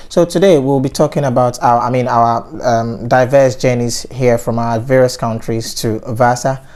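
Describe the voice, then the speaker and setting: A man from Ghana in his thirties hosting a casual interview, speaking in a measured way with frequent fillers and restarts. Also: mid-range voice, a little mellow. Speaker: interview host.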